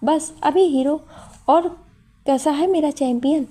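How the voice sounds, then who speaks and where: A jolly young man who loves to joke, voiced by a woman reading the story. He teases with easy warmth, in a mellow voice. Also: high voice, measured pace, pitched above the performer's own voice. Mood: playful. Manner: playful, teasing. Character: cheerful young man, joking uncle.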